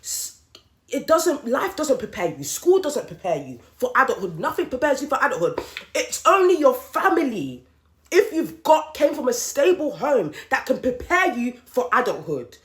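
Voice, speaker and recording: A podcast host in her late 30s vents her thoughts in a candid solo monologue, repeating points for emphasis. Her high voice is sing-song and moderately paced, and the room sounds roomy and echoey.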